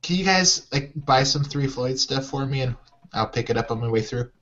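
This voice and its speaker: A man's voice: mid-range voice, animated, normal speed, pushed and bright, muffled recording. A man co-hosting a casual podcast, trading joking, sarcastic banter. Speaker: podcast co-host. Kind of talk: casual chat.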